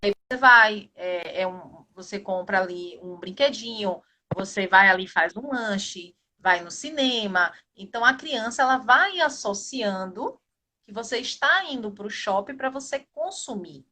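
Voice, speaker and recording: A woman in her thirties with a Brazilian Portuguese accent, hosting a live video chat in a quick, chatty way. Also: medium pitch, animated, bright, forceful tone. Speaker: live show host.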